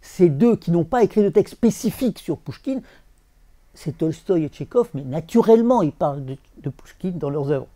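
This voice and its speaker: A man talking as a literary translator before an audience, halting, repeating words and chanting verse rhythms. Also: a little high, warm tone. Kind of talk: bookshop talk with audience.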